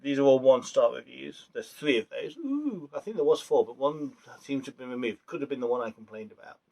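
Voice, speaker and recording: A man's voice: mid-range voice, lively intonation, fairly quick, gravelly, a little mellow. A young man casually reviewing a show on his vlog, rambling with fillers and restarts. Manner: rambling, many fillers and restarts, laughs at his own jokes. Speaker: vlogger reviewing a TV series.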